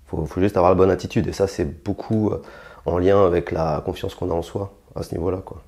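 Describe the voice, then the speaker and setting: A young French rapper answers interview questions bluntly and provocatively, full of restarts and fillers. His voice is gravelly and warm, his delivery flat and brisk, and he gets higher and more forceful when heated.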